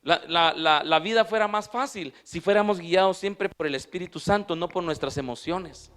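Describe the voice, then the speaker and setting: A man pastor preaching a sermon, asking the congregation questions and reading scripture slowly and with emphasis. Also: high voice. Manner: drops to a hushed voice for quiet passages.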